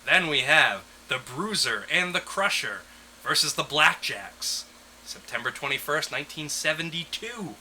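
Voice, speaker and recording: A man's voice: fairly high pitch, animated, a little slow, sharp tone, slight background noise, rough recording. A man co-hosting a podcast in casual chat, laughing often and reading lists aloud. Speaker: podcast co-host.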